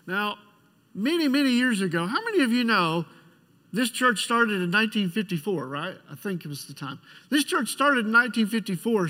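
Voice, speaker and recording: A middle-aged man preaching a church sermon in a conversational, pastoral way, with halting restarts as he tells stories and prays. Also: high voice, bright, forceful tone. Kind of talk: church sermon with personal storytelling and prayer. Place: large church sanctuary. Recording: church hall with long reverb.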